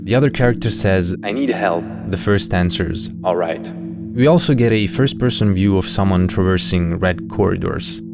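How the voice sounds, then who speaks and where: A deep-voiced man with vocal fry hosts a horror series breakdown video, delivering scripted commentary at a moderate pace. He slips in casual, wry asides, and music plays behind him.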